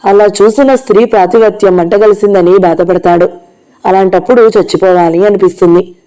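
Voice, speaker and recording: A reader narrating an audio novel aloud in a steady storytelling manner. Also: female voice, mid-range voice, fairly quick, poor audio.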